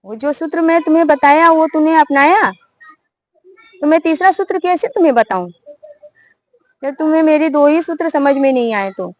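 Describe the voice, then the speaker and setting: A woman's voice: sits high, moderate pace, pauses often, dry recording, pitched above the performer's own voice, lightly acted, rough recording. A woman voicing a clever old bird that mocks and lectures a hunter, in a preachy, scolding tone. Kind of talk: storytelling.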